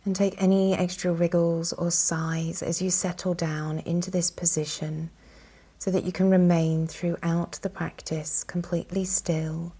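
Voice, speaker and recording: The voice is a woman's, on the low side, guiding a yoga nidra meditation as its instructor. Calm and soothing, it stays soft and breathy, broken by long pauses.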